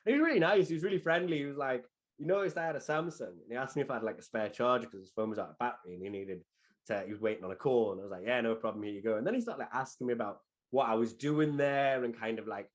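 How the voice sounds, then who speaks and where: A man's voice: medium pitch, racing. A young man with a Geordie accent, telling stories as a podcast guest in a rambling, casual way full of "like". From Newcastle, northeast England. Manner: rambling, heavy use of "like", animated storyteller. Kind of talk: casual storytelling chat.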